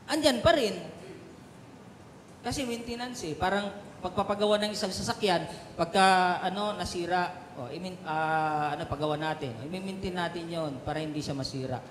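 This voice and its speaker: Pastor guy preaching in a big echoey church hall, high voice, goes quiet then shouts the big points. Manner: swings from soft asides to loud high emphatic peaks; storytelling with fillers and Taglish asides. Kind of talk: sermon. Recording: echoey hall with faint noise.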